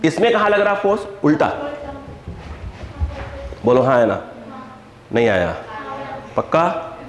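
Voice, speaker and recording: A man's voice: a little high, very animated, takes it slowly. A male physics teacher lecturing a class, constantly quizzing students and scolding them with a joking edge. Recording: echoey hall, faint background hum.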